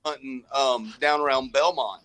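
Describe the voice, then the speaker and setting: A man from Alabama with an Alabama accent, a land manager speaking plainly with halting fillers. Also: medium pitch, a loud crowd. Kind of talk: casual podcast chat.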